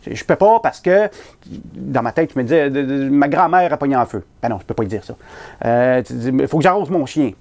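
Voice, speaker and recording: Animated Québécois man telling a funny story. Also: mid-range voice, brisk, gravelly. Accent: Québécois French. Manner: animated, punchline-driven, self-mocking. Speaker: comic storyteller. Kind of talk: comedic storytelling performance.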